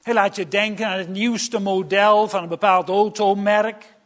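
High-voiced, slow, earnest male preacher. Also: steady tone, a bit bright. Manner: earnest, emphatic and warning. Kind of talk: sermon.

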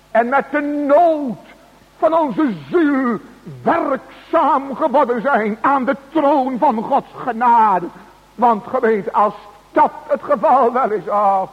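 A man preaching a sermon to his congregation, slow and solemn, with emphatic cries. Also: very high voice, slightly rough. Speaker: pastor. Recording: dull radio broadcast in a large hall.

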